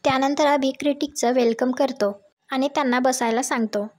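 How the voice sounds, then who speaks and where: A woman with a high, light voice narrates a recap of a television serial episode. She moves through it steadily, like a storyteller, reading out the characters' lines as she goes. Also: fairly even intonation, normal speed, a little mellow. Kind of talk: voice-over retelling of a TV serial episode.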